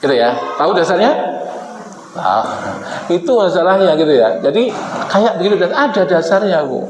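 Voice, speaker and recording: Guy preaching to a hall crowd, highish voice, lots of echo, acts out the story bits. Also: moderate pace. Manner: animated, acts out quoted figures, addresses the women present. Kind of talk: Islamic sermon with storytelling. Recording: echoey hall with faint background noise.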